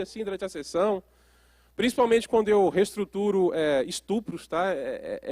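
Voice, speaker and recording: A high-pitched man gives a lecture as a therapist, often turning to the audience with questions. The sound is dry and close, with no room echo. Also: a little mellow.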